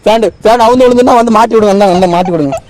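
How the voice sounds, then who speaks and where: A man's voice: sits high, rapid-fire. A man, pranking strangers at a roadside in a pestering, insistent and theatrical way. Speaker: prankster host. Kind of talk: street prank banter. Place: roadside outdoors with traffic. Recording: street traffic noise.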